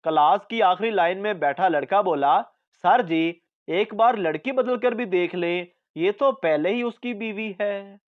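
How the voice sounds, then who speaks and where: A man reading out a string of short jokes as the narrator, with a measured delivery of the punchlines. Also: high voice, muffled recording. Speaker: joke narrator.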